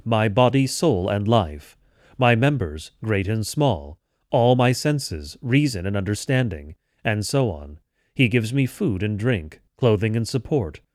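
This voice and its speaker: A man reading scripture and catechism aloud in a measured, even way, as a daily devotional. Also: on the low side, no echo, clean studio sound. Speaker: devotional reader.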